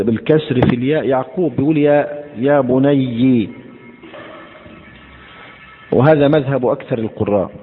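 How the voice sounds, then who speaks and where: A male teacher explaining recitation rules in a slow, deliberate lecture, repeating words to show how they are pronounced. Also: medium pitch, slightly rough. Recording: tinny phone-like lecture recording in a hall.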